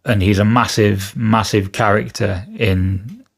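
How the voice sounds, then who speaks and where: Guy just out of bed, kinda gravelly, rambling about rumours, lots of ums. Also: lowish voice, fairly even intonation, a little slow. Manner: chatty, hedging, self-correcting with fillers. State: just woken up, voice a bit rough. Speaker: wargaming channel host. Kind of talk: casual rumour commentary to camera.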